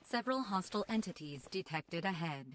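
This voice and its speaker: A stern security robot in a video game, speaking in clipped, flat machine announcements. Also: medium pitch, a little fast, lightly acted. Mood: cold. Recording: game audio under loud music and crashes. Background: loud battle music, smashing sounds.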